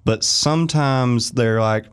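A young man, a stand-up comedian, chatting casually on a studio podcast mic, rambling and getting animated in his stories. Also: mid-range voice, slow, clean tone. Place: small radio studio with posters. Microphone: studio boom mic with headphones.

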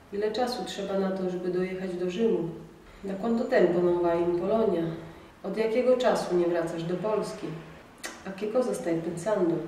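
A woman teaching a language lesson, reading example sentences in a measured, clear way and then translating each one. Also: on the low side, warm tone, slight background noise. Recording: echoey room, mic at a distance.

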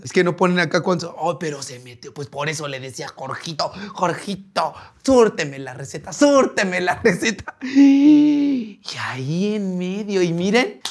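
A Mexican man, a doctor hosting a casual gossip video, reading chat screenshots aloud and reacting with exclamations and frequent laughter. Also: sits high. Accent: Mexican Spanish. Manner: animated, exclamatory, laughs often.

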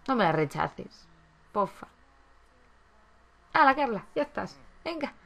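A woman's voice: a little high, big pitch swings, slow pace, gravelly, fairly bright tone. A woman giving chatty gameplay commentary, coaxing the characters on screen as she plays. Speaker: gaming YouTuber.

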